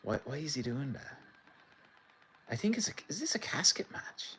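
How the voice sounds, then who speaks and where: Live from his sitting room, a midlands Irishman keeps up casual commentary on a match while chatting and rambling to his viewers. His medium-pitched voice swings widely in pitch at normal speed, sounding pushed and bright over slight background noise.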